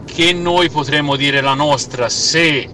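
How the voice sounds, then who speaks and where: A man's voice: fairly high pitch, slow pace, bright, forceful tone. A man leaving a casual voice message with his opinions for a sports radio show. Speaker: listener sending a voice message. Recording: distant, noisy outdoor voice message.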